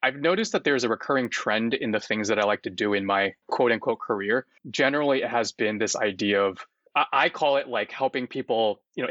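A man of about thirty, a startup founder, talks in a relaxed, rambling way full of fillers, often laughing as a guest in an interview. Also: fairly low pitch, dry recording, dull audio. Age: 30s. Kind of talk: casual interview chat.

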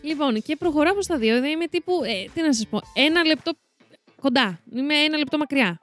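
A woman's voice: high voice, lively intonation, a bit bright, faint music behind. A young woman co-hosting a casual podcast, telling a rambling story with restarts, self-corrections and frequent laughter. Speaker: podcast co-host.

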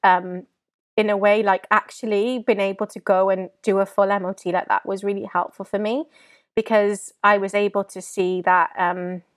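A woman, talking candidly as an interview guest, halting and full of restarts, tearful at times. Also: medium pitch, little pitch movement, dry recording.

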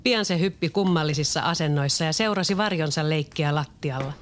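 Children's story narrator, clear, steady delivery. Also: mid-range voice, slight background noise.

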